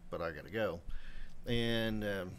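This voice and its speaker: A man's voice: fairly low pitch, a little slow, a little hiss or hum. A man in his fifties, a chef guest on a podcast, telling his story in a rambling way, often acting out what others said. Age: 50s. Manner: rambling, self-interrupting, animated quoting. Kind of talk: casual interview storytelling. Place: live podcast room.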